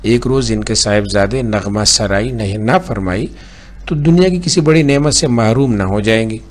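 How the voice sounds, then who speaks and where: A man's voice: fairly low pitch, normal speed, close to an everyday voice. A man voicing a sick, irritable husband in bed who complains about the noise. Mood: peevish. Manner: weary, peevish complaining.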